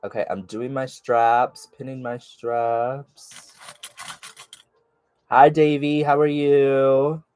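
Guy sewing on camera, stuffy nose, easygoing slow chatter. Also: medium pitch, level tone, a little mellow, clean tone. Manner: chatty, talks to viewers by name while working. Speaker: sewing vlogger. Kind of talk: casual sew-along chat.

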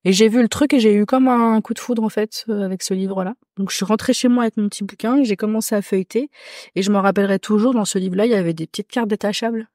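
Woman, guest on a chat podcast, halting delivery with lots of fillers, middle-pitched, dry sound. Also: a little mellow, dry recording. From Corsica, France. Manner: hesitant, many filler pauses. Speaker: podcast guest, rune reader. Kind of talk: casual chat.

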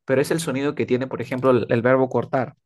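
Guy teaching english on a video call, patient, says words over and over slowly. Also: medium pitch, fairly even intonation, a little mellow. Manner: patient, repeats words slowly to model pronunciation. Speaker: English tutor. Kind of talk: one-on-one online English lesson.

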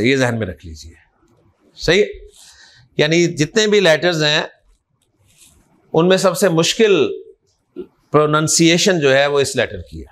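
A man's voice: on the high side, a bit bright. A man teaching Arabic letters in an online class, drilling each sound with patient, frequent checks.

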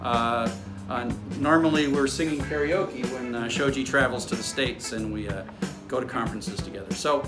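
A man's voice: mid-range voice, normal speed. A man in his sixties, an online course instructor, chatting casually to a phone held at arm's length in a small karaoke room. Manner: chatty, upbeat, frequent uh fillers. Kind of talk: casual video update. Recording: echoey room with music behind.

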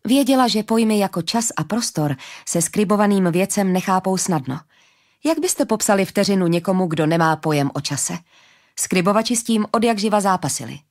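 A woman narrating a fantasy audiobook in a steady, even storytelling manner. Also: mid-range voice.

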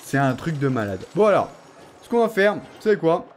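A young man giving casual gameplay commentary, excitable and playfully trash-talking, laughing often. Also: fairly high pitch, brisk. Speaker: gaming channel host.

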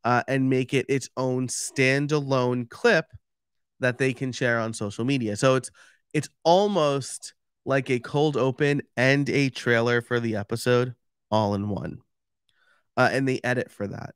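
A man's voice: mid-range voice, fairly even intonation, a little slow, clear, resonant tone, dry recording, clean studio sound. A man with a New York accent giving a casual, chatty livestream talk and explaining step by step with many fillers. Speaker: podcast expert giving a live stream talk.

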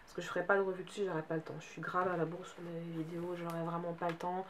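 A woman's voice: fairly low pitch, flat delivery, quick pace. A young adult woman, a beauty vlogger chatting casually, sounding a bit tired with a cold. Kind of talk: casual haul chat. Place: bedroom, indoors. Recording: faint background noise.

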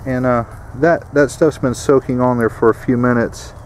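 A man's voice: mid-range voice, fairly even intonation, moderate pace, slight background noise. A man giving a plain-spoken, folksy how-to demonstration outdoors, repeating his warnings. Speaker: DIY home repair instructor. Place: outdoors beside an air conditioner unit.

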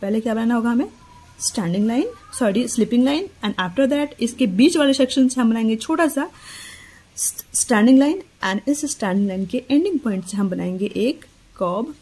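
A woman teacher walking young children through writing letters step by step, slowly and patiently, mixing English words into her speech. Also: fairly high pitch, expressive, a little mellow, husky. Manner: slow, step-by-step explaining with Hindi-English code-mixing. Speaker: play school teacher. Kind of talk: handwriting lesson for young children.

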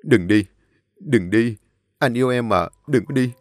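A man's voice: medium pitch, a little slow, darkish tone, dry recording, studio quality, close to an everyday voice. A man voicing a drunk young husband who pleads and repeats himself. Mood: drunk, pleading.

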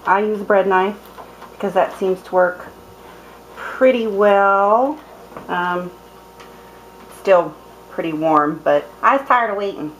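In her dim kitchen at home, a young cooking vlogger shows how to make a recipe, the camera close on her hands. She's chatty and playful, peppering her talk with ums and cheerful exclamations; her mid-range voice comes through lo-fi with slight background noise.

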